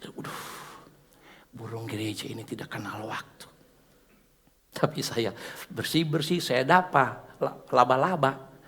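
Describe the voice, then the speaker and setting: A man preaching a church sermon, joking with the congregation and swinging from soft asides to loud exhortation. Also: mid-range voice, steady tone, a little slow, long reverb tail. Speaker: pastor.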